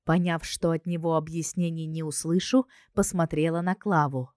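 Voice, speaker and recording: A woman narrating a fantasy novel in the first person, reading calmly and expressively. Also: low-pitched, moderate pace, no room sound, studio quality. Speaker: audiobook narrator.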